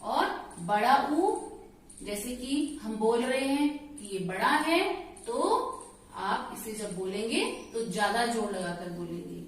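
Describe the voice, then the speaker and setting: A woman teacher giving a slow, patient lesson and asking her pupils questions. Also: fairly high pitch, a little hiss or hum. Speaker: school teacher. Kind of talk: classroom lesson. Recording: very echoey room, voice from far off.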